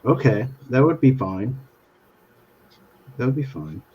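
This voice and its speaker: A man's voice: medium pitch, big pitch swings, measured pace, slightly rough, dull audio. A man co-hosting a drawing talk show, chatting casually and teasing in joking banter. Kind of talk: casual chat while drawing.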